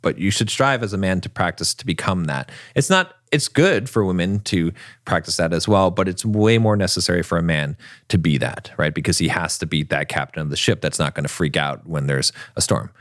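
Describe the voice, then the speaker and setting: A man's voice: sits low, fairly quick, dry recording, clean studio sound. Emphatic man giving relationship advice. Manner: emphatic, keeps asking "right?". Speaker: podcast co-host. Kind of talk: relationship advice podcast talk.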